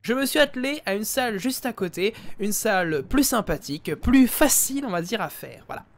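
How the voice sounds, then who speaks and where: Talking into a headset, a let's play streamer gives chatty live commentary on his game, often calling his viewers ladies and gentlemen. His high-pitched voice moves briskly with lively intonation.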